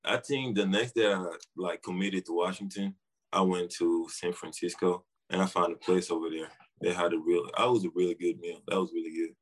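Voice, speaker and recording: A man's voice: deep voice, steady tone, a little fast, low-quality recording. A young man with a Senegalese accent giving short, informal, slangy answers as a guest in a casual interview. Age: young adult. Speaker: interview guest, basketball player.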